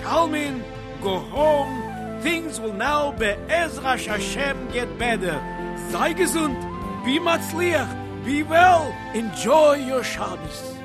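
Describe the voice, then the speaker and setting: A man doing a joyful old rebbe, bright and singsong. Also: very high-pitched, very animated, takes it slowly, over music, voice pushed up, heavily acted. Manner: blessing, exclamatory, Yiddish-flavored.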